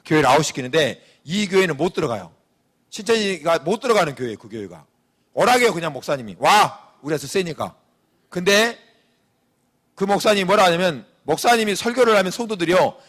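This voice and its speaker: Male pastor, sermon delivery, animated, high-ish voice that swings widely. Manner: animated preaching, acting out quoted voices.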